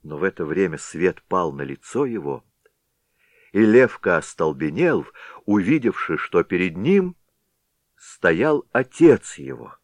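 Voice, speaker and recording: Deep-voiced man narrating a classic tale. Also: very animated, a little slow, no echo, studio quality. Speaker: audiobook narrator. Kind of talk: expressive storybook narration.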